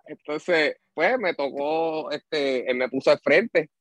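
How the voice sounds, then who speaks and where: Speaking slowly in a somewhat high voice, a young Puerto Rican army supply sergeant shares stories as a guest in a relaxed interview. His accent is Puerto Rican Spanish, and he livens things up by imitating the characters he quotes and mixing in bits of English.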